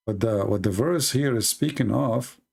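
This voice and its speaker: A man talks slowly through a late-night livestream, halting and mocking with sarcastic asides. His voice has a gravelly fry running through it. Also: medium pitch, darkish tone. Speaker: online debate streamer.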